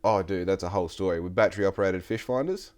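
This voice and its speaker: Talking quickly in a low, darkish, clear and resonant voice, a man in his late twenties with an Australian accent hosts a laid-back podcast. He tells stories in a meandering, sweary way.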